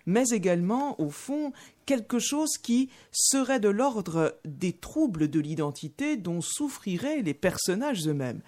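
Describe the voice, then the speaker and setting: A woman speaking as a guest on a radio show, lecturing on film in a measured way with many hesitations. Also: on the low side, a little mellow. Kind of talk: talk radio film discussion.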